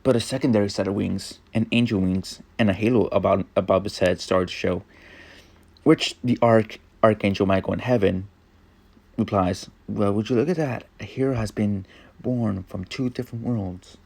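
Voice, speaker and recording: Low, gravelly young man rambling. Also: steady tone, a little mellow. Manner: rambling, halting, many fillers and restarts. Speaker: fan fiction reader. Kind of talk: improvised fan fiction narration.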